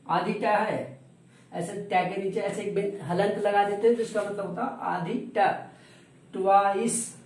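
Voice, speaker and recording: A man teaching a lesson who repeats each word slowly and spells it out letter by letter. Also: high voice, steady tone. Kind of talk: classroom lesson. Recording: roomy echo, distant from the mic, faint noise.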